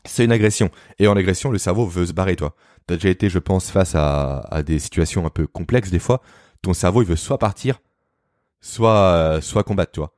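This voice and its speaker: With a low, expressive and slightly mellow voice, this man speaks as a podcast guest on health, teaching quickly and talking to the listener in a casual way. The studio sound is clean, with no room sound.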